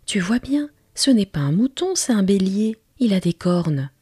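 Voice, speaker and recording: The Little Prince, breathy whispered boy, as a woman voices him. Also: sing-song, unhurried, dark tone, no echo, studio quality. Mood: earnest. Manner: higher, eager childlike questioning. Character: curious earnest little boy prince from a tiny planet. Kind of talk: whispered role-play.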